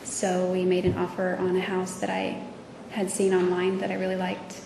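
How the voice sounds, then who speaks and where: A woman testifying as a witness, speaking hesitantly with many pauses and fillers, in a courtroom recording. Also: on the low side, completely flat delivery, vocal fry. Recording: echoey courtroom audio from far off with noise.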